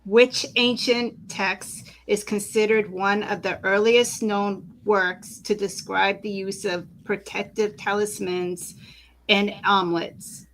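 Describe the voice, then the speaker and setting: A woman reading quiz questions aloud on a live stream over a video call, slowly and with a giggly manner. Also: mid-range voice, level tone, slight background noise, poor audio. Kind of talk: casual live-stream chat.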